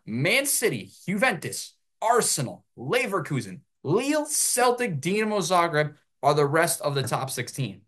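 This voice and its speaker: An American man hosting his own sports show, giving solo commentary and ranting in an animated way. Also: sits high.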